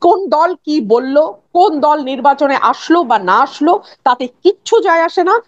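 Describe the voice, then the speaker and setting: A woman, a guest on a political talk show, arguing her points forcefully and dropping in English phrases. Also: sits high, brisk, dry recording, muffled recording.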